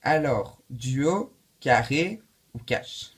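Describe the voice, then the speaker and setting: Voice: medium pitch, expressive, very slow, husky. A parody quiz show host who draws out each question in formal quiz phrasing.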